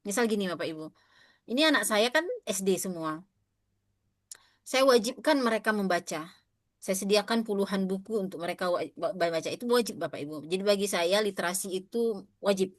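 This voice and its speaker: In a dry recording, a chatty woman with an Indonesian accent trains teachers in a fairly quick, mid-range voice. Her lecture is interactive, with lots of questions, direct audience address, and fillers.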